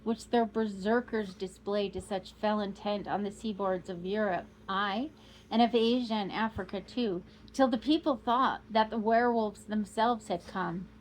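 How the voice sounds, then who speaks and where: A woman reading aloud as a proud, boastful old male count, declaiming grandly and rising to loud outbursts. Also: mid-range voice, normal speed, a little hiss or hum, natural voice, rough recording.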